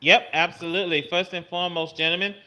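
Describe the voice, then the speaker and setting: A man's voice: sits high, steady tone, fast, bright, forceful tone. A man co-hosting a sports podcast in casual chat, laid-back with frequent listening murmurs. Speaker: podcast co-host.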